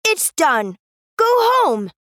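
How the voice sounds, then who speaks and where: Storybook magic fish, very high and lilting, curt and aloof, woman acting it. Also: huge pitch swings, very slow, a bit bright, dry recording, clean studio sound, heavily acted. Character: magical talking flounder prince, small and aloof.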